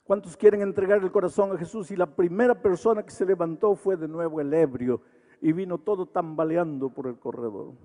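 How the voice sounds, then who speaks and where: A man's voice: high-pitched, brisk. Impassioned preaching man in an echoing arena. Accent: Latin American Spanish. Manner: impassioned preaching that swells into loud appeals. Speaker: pastor. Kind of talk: evangelistic sermon with a story. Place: large arena. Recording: echoey arena with long reverb.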